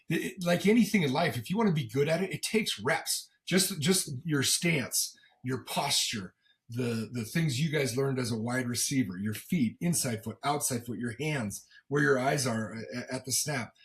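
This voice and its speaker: A middle-aged man with a gravelly smoker's rasp chats casually as a sports interview guest, often repeating words as he goes in a folksy, self-deprecating way. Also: medium pitch, moderate pace, a bit bright. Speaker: football commentator and former coach, as guest.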